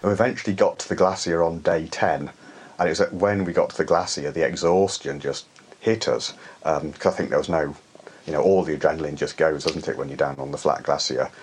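A middle-aged British alpinist, appearing as a guest, tells climbing stories in a hesitant, reflective, conversational way, often restarting and laughing softly. His voice is extremely low and slightly rough, with fairly even intonation and a fairly quick pace.

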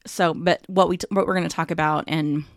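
A woman co-hosts a podcast, chatting casually and talkatively with many fillers and laughing easily. Her voice is lowish with fairly even intonation, she speaks fairly quickly, and the studio recording is clean and dry.

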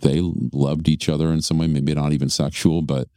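A man from the United States, a podcast guest talking in a casual, animated way and arguing his point with rhetorical questions. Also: a bass voice, normal speed, dry recording, studio quality. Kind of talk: casual conversational interview.

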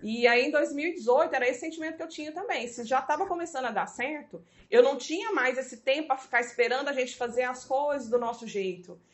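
A woman's voice: high voice, fast talker, few pauses. A woman, a guest, telling her story conversationally and acting out the dialogue she quotes. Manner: animated, acts out quoted dialogue.

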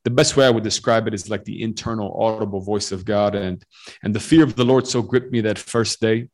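A man's voice: on the low side, steady tone, fairly quick, darkish tone. A man in his forties, born in Romania, telling his faith story as a guest on a podcast call, earnest and full of fillers and restarts. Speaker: guest missionary. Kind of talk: testimony in a podcast interview. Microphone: remote call over the internet.

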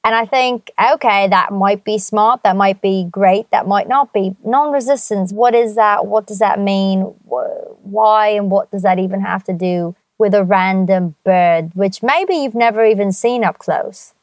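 A woman's voice: mid-range voice, a little slow, few pauses, dry recording. A woman hosting her own podcast, talking in a playful, theatrical way with jokey asides. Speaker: podcast host. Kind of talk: chatty solo podcast monologue.

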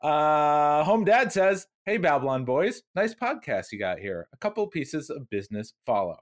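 A man co-hosting a podcast, reading listener emails aloud with joking deadpan asides in casual chat. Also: a little high, normal speed. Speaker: podcast co-host.

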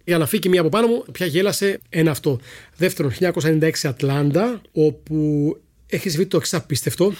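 A middle-aged man, a sports broadcaster, telling lively anecdotes in a podcast chat and acting out the people in them. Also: fairly high pitch. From Greece. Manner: animated storyteller who acts out voices in quotes.

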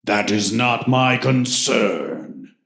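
Booming echoing mouse wizard, voiced by a man. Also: steady tone, creaky, a bit bright, heavily acted. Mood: haughty, ominous. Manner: slow, solemn and commanding. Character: old hermit mouse wizard, male, small, stern and greedy. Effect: booming voice resounding through the halls. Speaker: game master voicing a character. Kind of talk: tabletop role-play acting. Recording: roomy echo.

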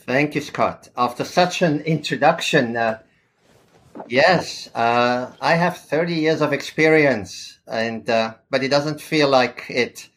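A man's voice: medium pitch, takes it slowly, a bit bright. Modest South African man. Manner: modest, with occasional hesitations. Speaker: podcast guest. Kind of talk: conversational interview answers.

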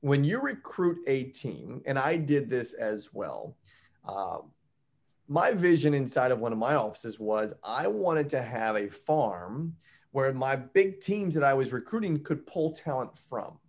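Lively-voiced coaching interview host. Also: mid-range voice, a little slow. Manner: affirming, coaching, many backchannels.

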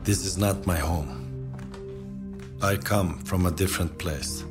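A man's voice: low-pitched, steady tone, unhurried. A man from Sweden speaking reflectively in an advertisement voice-over. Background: music.

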